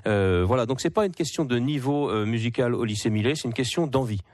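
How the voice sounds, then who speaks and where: Guy music teacher on live radio, lots of euh and restarts, quick, dry sound. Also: medium pitch, darkish tone, dry recording. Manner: hesitant, many fillers and restarts. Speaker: high school music teacher. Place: school, live radio broadcast.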